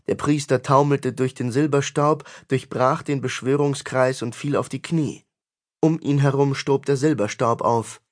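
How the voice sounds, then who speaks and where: A man narrating a fantasy audiobook in a measured, dramatic storytelling manner. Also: mid-range voice, fairly even intonation.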